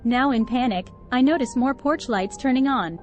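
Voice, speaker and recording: A woman's voice: high-pitched, moderate pace, darkish tone. A woman narrating a first-person horror story with a tense, dramatic delivery. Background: faint background music.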